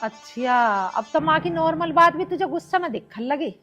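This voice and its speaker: A woman's voice: high voice, expressive, moderate pace, highs cut off, faint music behind. An actress playing a harsh, nagging older mother-in-law with a Haryanvi accent in a village film drama. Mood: bitter. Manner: nagging, sharp-tongued.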